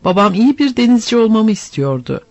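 A man voicing an eager, earnest boy who speaks of his lost father with heartfelt warmth in a storybook reading. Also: high voice, very animated, brisk, no echo, voice pushed up.

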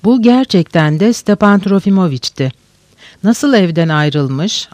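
A man reads a novel aloud in slow, measured narration. His voice sits high, and the recording is close and dry with no room sound. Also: darkish tone, no room sound. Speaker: audiobook narrator.

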